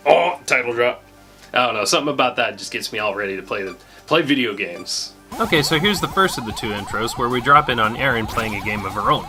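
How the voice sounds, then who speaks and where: Lively man narrating a game review. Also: medium pitch, brisk, music in the background. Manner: lively, joking asides.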